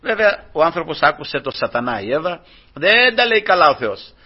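Male preacher, fervent sermon delivery, husky and slightly high, dull lo-fi sound. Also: big pitch swings. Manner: fervent, rising and falling in loudness, repeating "brothers".

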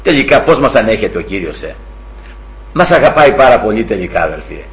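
A man preaching a sermon, telling a story with lively rises and quiet asides to his brothers. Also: lowish voice. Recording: dull lo-fi recording.

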